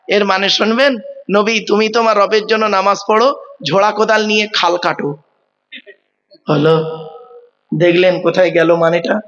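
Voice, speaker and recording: A man's voice: high voice, fairly bright tone, long reverb tail, muffled recording. A man preaching a sermon to a gathering, quizzing the crowd and drilling the pronunciation of words. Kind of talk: Bengali waz sermon. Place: large outdoor religious gathering.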